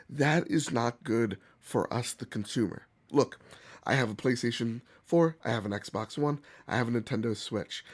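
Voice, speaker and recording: A man hosting gaming commentary, speaking bluntly and emphatically in a rough, hoarse voice as if sick. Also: medium pitch, darkish tone. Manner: emphatic, opinionated, blunt, swearing. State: hoarse from bronchitis. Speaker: gaming channel host. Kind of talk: opinion commentary to camera or viewers.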